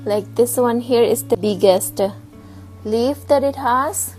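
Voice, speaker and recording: A woman vlogging casually at home, showing her houseplants and pausing to hunt for words. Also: fairly high pitch, a little mellow, faint music behind, poor audio. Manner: chatty, pauses to hunt for words. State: slightly out of breath. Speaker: plant vlogger. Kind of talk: casual show-and-tell vlog. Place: home with plant shelf, indoors.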